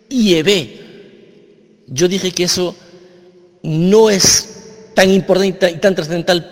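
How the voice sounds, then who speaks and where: A man's voice: high voice, big-room sound. Insistent Spanish man in heated debate. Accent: Spain Spanish. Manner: argumentative, insistent, repeats himself. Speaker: debate participant.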